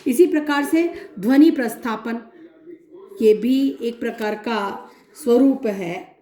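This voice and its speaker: A woman lecturing on linguistics in a methodical way, explaining with many examples and pausing often. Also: a little high, warm tone, roomy sound. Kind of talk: recorded academic lecture.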